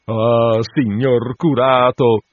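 A man voicing a sly, fawning parish clerk who giggles and flatters, in a dull, dry recording. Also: mid-range voice, very slow, no room sound.

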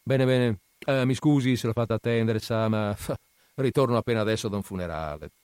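A man voicing a pompous, quick-tempered wine magnate who bursts into shouted dialect insults. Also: mid-range voice, clear, resonant tone, no echo, studio quality, natural voice. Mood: pompous indignant. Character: irate pompous male wine magnate, middle-aged.

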